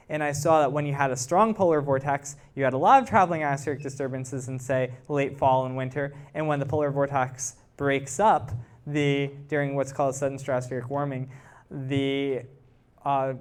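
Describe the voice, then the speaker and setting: In a relaxed post-talk Q&A, a male guest researcher thinks aloud while explaining his answers to the audience. He sounds a bit high-pitched, with a clean tone.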